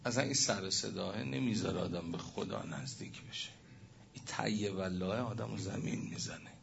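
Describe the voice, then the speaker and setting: A man preaching a religious sermon, telling a story with passion, his voice swinging between loud and hushed. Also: deep voice, gravelly. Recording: muffled recording with faint noise.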